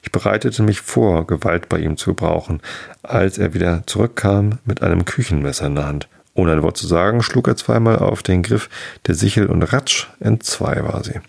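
A man narrating a folk tale as an audiobook reader, in a measured storytelling manner. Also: low-pitched, gravelly.

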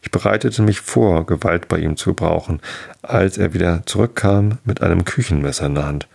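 A man narrating a folktale in the first person, telling it in a lively way. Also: low-pitched, moderate pace, vocal fry, husky. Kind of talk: storybook reading of a folktale.

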